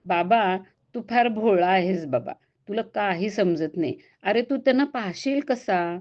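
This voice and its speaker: A woman's voice: medium pitch, a little slow, muffled recording, close to an everyday voice. A woman voicing a playful, kind young divine woman who teases and coaxes. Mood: gentle. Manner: teasing, coaxing.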